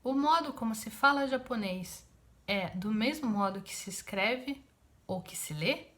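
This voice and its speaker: A woman from Rio de Janeiro with a Carioca Brazilian Portuguese accent, explaining a language point in a casual lesson, pausing often with fillers. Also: a little high, lively intonation, a bit bright. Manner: hesitant, many filler pauses. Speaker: Japanese teacher.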